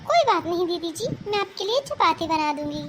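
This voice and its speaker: Woman voicing a submissive young cartoon bride, soft and polite, very high. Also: lively intonation, brisk, slight background noise. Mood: meek. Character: meek newly married young daughter-in-law. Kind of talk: cartoon voice acting.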